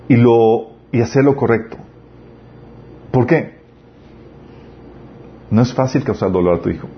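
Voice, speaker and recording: Earnest preacher man, lo-fi. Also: mid-range voice. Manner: earnest, rhetorical questions, animated emphasis. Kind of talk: sermon on parenting. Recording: slightly dull lo-fi recording with faint noise.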